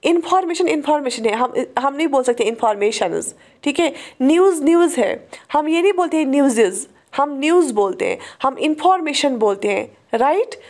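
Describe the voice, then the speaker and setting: High-voiced woman teaching English grammar. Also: lively intonation, a little mellow. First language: Urdu. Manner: explains in Hindi-Urdu, says English examples slowly and deliberately; often checks in with "theek hai" and "right". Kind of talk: classroom lecture.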